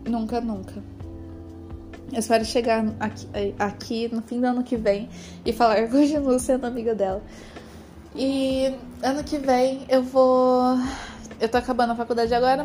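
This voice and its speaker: A woman in her twenties talking through a rambling, hesitant, confessional personal vlog with lots of fillers. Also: a little high. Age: 20s. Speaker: vlogger. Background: background music.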